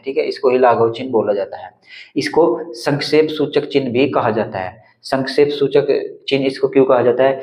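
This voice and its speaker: A man's voice: mid-range voice, darkish tone. A male Hindi teacher explaining punctuation on a whiteboard, step by step, repeating each example. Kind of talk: whiteboard grammar lesson. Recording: echoey room, slightly dull sound.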